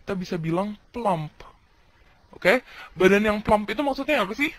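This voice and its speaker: High-voiced chatty male teacher. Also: lively intonation, moderate pace, fairly bright tone, no room sound. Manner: chatty, slangy, asks and answers own questions. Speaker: English teacher. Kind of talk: casual video lesson.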